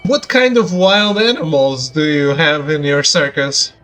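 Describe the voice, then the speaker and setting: A man's voice: on the high side, a little slow, a bit bright, faint music behind. A man playing a detective game, asking questions in a casual, playful, joking way. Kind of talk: casual gameplay chat.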